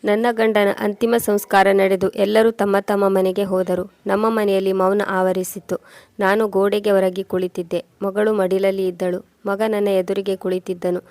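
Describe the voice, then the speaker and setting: A woman reading a sorrowful first-person story in a steady way. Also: mid-range voice, moderate pace, no echo.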